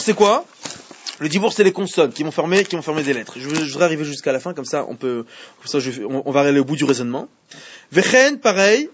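High, husky man teaching a Torah class. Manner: questions the students, repeats himself, restarts. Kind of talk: Torah class in French with Hebrew readings. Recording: muffled lo-fi classroom recording.

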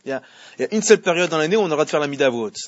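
A man teaching a religious class, explaining with lively questions and chanting Hebrew verses slowly. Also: fairly high pitch, no echo, lo-fi sound. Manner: animated, explains by asking questions. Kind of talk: Torah class with students.

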